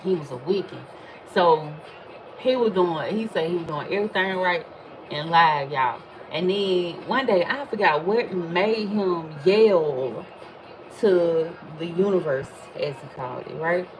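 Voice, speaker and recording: A woman, chatting casually while reading tarot cards, animated and swearing freely. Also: fairly low pitch, unhurried, slight background noise, poor audio. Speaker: tarot reader. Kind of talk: casual livestream chat.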